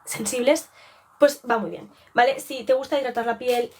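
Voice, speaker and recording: A woman's voice: a little high, normal speed, slight background noise. A young woman from Spain with a Spanish accent, chatting casually on a live beauty stream and rambling off track. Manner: rambling, chatty, self-interrupting.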